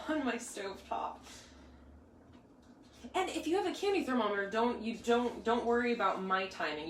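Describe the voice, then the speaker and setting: A young woman with a medium-pitched voice hosts a live bake-along in her home kitchen, chatting casually while stirring a pot, rambling with many restarts, asides and side stories. It's a casual live cooking demo, recorded with the mic far off in an echoey kitchen with a faint hum.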